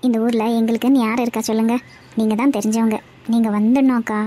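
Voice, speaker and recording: A woman's voice: fairly high pitch, little pitch movement, fast, close to an everyday voice. A woman voicing a hospitable middle-aged mother in a cartoon, who fusses over her guests. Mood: fussing. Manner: warmly fussing, hospitable.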